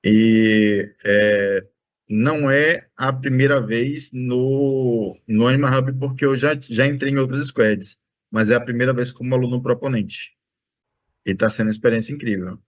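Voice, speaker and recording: A man from Salvador, a student introducing himself on a video call, halting with fillers. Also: medium pitch, fairly even intonation. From Salvador, Bahia, Brazil. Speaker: student squad leader. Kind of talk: self-introduction in online meeting. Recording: dry muffled call audio.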